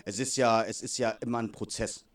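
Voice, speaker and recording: A man's voice: fairly low pitch, a little fast. A man from Vietnam, a youth football coach, chatting casually in an interview and often affirming with short fillers. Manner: relaxed, chatty, many fillers like "genau".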